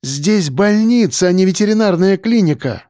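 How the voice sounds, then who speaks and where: Higher-pitched nervous doctor for an audiobook, indignant and fretful, put on by a male narrator. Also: animated, dark tone, dry recording, clean studio sound. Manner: indignant, quick to protest.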